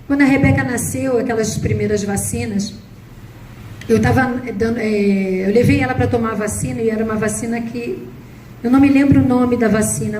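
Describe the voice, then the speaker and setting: A woman missionary, telling her testimony with dramatic emotion. Her voice rings around an echoey church room, with faint noise underneath. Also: dark tone. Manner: emotional, dramatic retelling, voice rising high at climaxes. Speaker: missionary preacher. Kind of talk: sermon with personal testimony.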